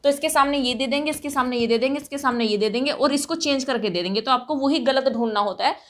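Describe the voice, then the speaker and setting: A woman's voice: high-pitched, fast talker, a bit bright. A woman with an Indian accent, teaching English grammar for competitive exams, explaining patiently and checking in often. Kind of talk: exam-prep grammar lesson.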